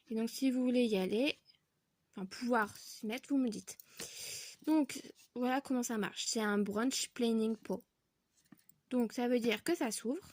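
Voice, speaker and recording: A woman with a slightly raised pitch talks through a casual haul video. She presents her new coloring supplies one by one. Her speech is loose and chatty, padded with small connecting words between points. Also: a little mellow, a little hiss or hum. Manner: chatty, fills pauses with donc and voilà. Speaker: vlogger showing coloring supply purchases.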